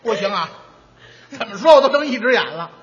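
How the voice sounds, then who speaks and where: A man performing Chinese crosstalk comedy on stage, firing off indignant, quick comic retorts. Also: extremely high pitch, animated, big-room sound, muffled recording.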